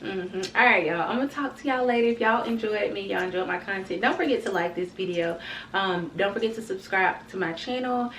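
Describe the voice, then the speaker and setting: A woman's voice: mid-range voice, brisk, a bit bright, reverberant, distant mic, slight background noise. A woman in her thirties talking candidly and casually to her viewers, calling them y'all. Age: 30s. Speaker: vlogger. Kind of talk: casual talk to camera.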